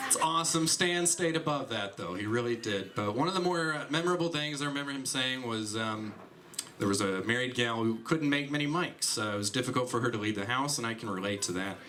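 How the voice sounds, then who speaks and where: A man's voice: medium pitch, a little fast, pushed and bright, a little hiss or hum. A man, a comedian, giving an earnest, heartfelt tribute speech on a comedy club stage through a handheld mic. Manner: earnest, sincere.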